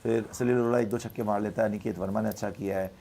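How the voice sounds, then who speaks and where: A man in a casual cricket preview chat, listing players in a relaxed way. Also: fairly low pitch, quick pace, gravelly. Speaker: cricket panelist.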